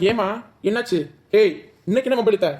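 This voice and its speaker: A woman's voice: on the high side, fast talker, a little mellow, husky, faint music behind, voice pushed down. A woman voicing a stern grown son who scolds in blunt questions, in a cartoon. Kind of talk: cartoon voice acting.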